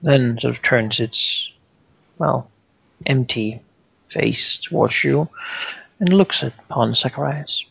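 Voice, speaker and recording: A man narrating a tabletop game as game master, in halting, searching descriptions. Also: medium pitch, vocal fry, fairly bright tone, husky, no echo, muffled recording.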